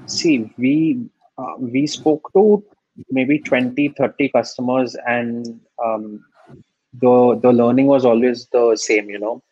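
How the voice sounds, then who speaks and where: A man's voice: medium pitch, steady tone, slow, mellow, breathy edge, no room sound, muffled recording. A man with an Indian accent telling stories conversationally as a startup founder in an interview.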